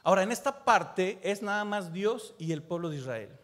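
A man's voice: high voice, expressive, moderate pace, fairly bright tone. A man preaching a sermon as pastor, impassioned, repeating phrases and asking the listener direct questions. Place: church. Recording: long reverb in a large hall.

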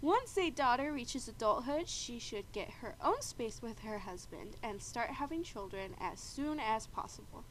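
A woman with a slightly high voice hosts a video game, casually narrating the gameplay and explaining the rules at an unhurried pace with few pauses. She's congested and stuffy after a bad cold, clears her throat often, and stays chatty and explanatory. The audio is poor, with steady background noise.

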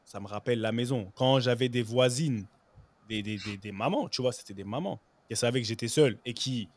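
A man in mid pitch telling stories from his playing days with loose, lively energy. He peppers his talk with "you know" and stray English words. The sound is close and dry, with no room around it. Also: a little fast, no echo. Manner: lively anecdotes, "tu vois" fillers, bits of English. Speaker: guest, former pro footballer. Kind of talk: casual storytelling chat.

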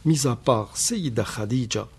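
A man, hosting a radio discussion on Islam and explaining points in a measured, emphatic way. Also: medium pitch, darkish tone, slightly rough. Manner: measured, emphatic, firm rebuttals, many repetitions. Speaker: radio show host on Islam.

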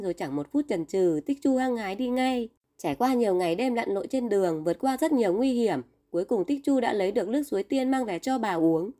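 A woman tells a children's story in a measured, clear way. Her voice is fairly high but mellow and warm, and she speaks directly to her listeners.

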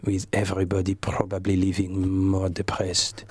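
A man playing a haughty deadpan Frenchman. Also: low-pitched, normal speed, breathy edge, no echo. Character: aloof, pompous French gentleman comedian. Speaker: comedian guest. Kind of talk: in-character comic interview.

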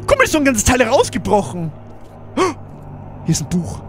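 A man with a hoarse voice giving let's play commentary to viewers, excitable, yelping and shouting when chased. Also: high-pitched, moderate pace, soft background music. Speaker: gaming video creator.

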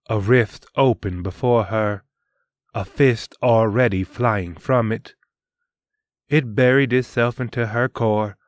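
A man hosting and narrating a scripted adventure story in a measured, deliberate reading. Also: mid-range voice, dry recording, studio quality. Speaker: host and storyteller.

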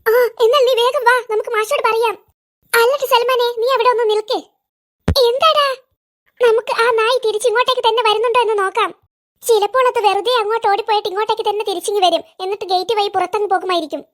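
A woman voicing chattering, curious young schoolboys in a cartoon, with quick excited kid talk. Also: very high voice. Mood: scheming.

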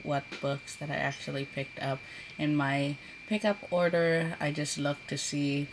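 She's in her thirties and vlogging casually, her low voice barely moving in pitch as she talks at a measured pace. The background is noisy, and her rambling, informal chatter is thick with "like."

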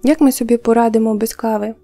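A woman's voice: fairly high pitch, fairly even intonation, quick pace, mellow, no room sound, soft background music. A woman voicing an eager, friendly young male troll.

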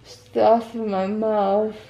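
A woman's voice: mid-range voice, flat delivery, very slow, vocal fry, warm tone, highs cut off. A young woman, groggy and loopy from sedation, rambling casually with a mouth just out of surgery. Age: young adult. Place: living room at home, on a couch. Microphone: handheld camera a short distance away.

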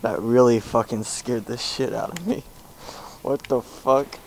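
Young man, horror game commentary, jumpy, profane, mid pitch. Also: measured pace, a little hiss or hum, poor audio. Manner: jumpy, swearing, panicked reactions. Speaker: gamer. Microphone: headphones with desk mic.

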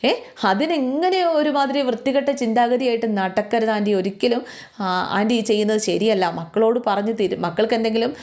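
A level-headed young man lays down the law in a family quarrel, as a woman storyteller puts him on. He speaks firmly and scolds without shouting. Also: fairly high pitch, fairly quick, natural voice. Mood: scolding. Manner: stern, scolding.

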